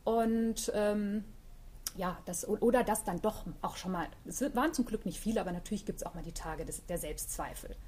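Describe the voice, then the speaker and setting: Middle-aged woman, author guest, chatty and reflective, average pitch. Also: normal speed, darkish tone, husky. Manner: reflective, chatty, many fillers. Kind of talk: casual interview talk.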